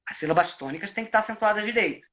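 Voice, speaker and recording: A man's voice: sits high, lively intonation, racing, pushed and bright. A Brazilian man, an actor and coach, explains at length in a reflective way with frequent restarts, speaking on a live video call. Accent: Brazilian Portuguese. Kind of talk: live video chat, giving advice.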